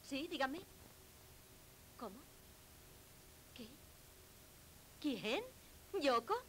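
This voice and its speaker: Anxious film mother, high-pitched, caring, hissy seventies soundtrack. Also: animated, drawn-out words, exaggerated voice. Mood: puzzled. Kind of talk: dubbed film acting.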